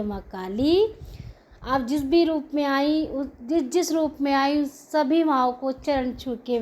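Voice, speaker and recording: A woman's voice: high-pitched, a little mellow. A middle-aged woman, sharing an earnest devotional testimony with a prayer group. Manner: earnest, grateful, heartfelt storytelling.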